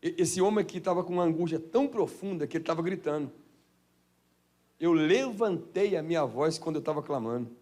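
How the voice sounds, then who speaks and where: A Brazilian pastor with a Minas Gerais accent, preaching a fervent Pentecostal sermon in a church, swinging from shouted praise to hushed asides. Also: male voice, on the high side, expressive, a little fast. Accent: Brazilian Portuguese, Minas Gerais.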